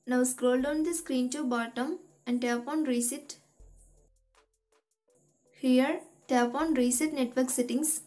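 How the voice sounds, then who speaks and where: A woman with a high voice reads out a tech tutorial step by step. Her delivery is even and methodical. Soft music plays faintly underneath. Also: slow, long pauses. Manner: even, methodical instruction reading. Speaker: tutorial host.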